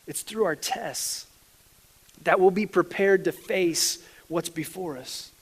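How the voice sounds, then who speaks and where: High-voiced man preaching emphatically. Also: slow pace, slightly rough, low-quality recording. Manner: emphatic, swinging between soft and loud. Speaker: pastor. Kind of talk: sermon.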